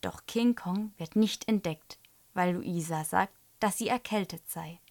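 A woman reads a children's story aloud at an unhurried, deliberate pace, in a mid-range voice. Her reading is lively, and she recommends the book to young readers. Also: medium pitch.

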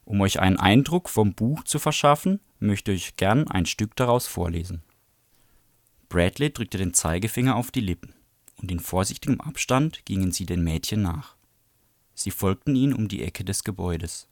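A man presenting a book and reading a passage aloud in an even, measured storytelling manner. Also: deep voice, dry recording, studio quality. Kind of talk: book review and read-aloud.

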